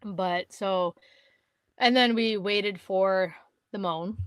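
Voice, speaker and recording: A woman from Canada co-hosting a podcast, telling a hunting story in casual chat, animated and swearing, acting out other people's words. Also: medium pitch, slow, clean tone, no room sound. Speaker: podcast co-host.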